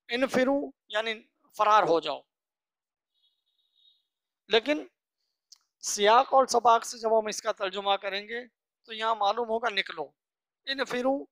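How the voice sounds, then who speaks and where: A religious teacher giving a scripture lesson, slowly reciting each phrase and then explaining it piece by piece, often asking and answering their own questions. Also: medium pitch, a bit bright, no room sound, clean studio sound. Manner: earnest, instructive, asks and answers own questions.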